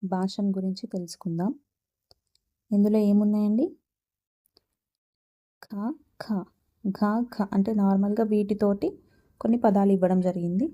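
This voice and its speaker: A woman's voice: mid-range voice, steady tone, unhurried, long pauses, mellow, dull audio. A woman explaining a school textbook lesson, asking questions and answering them herself. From Telangana. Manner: asks and answers her own questions. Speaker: teacher.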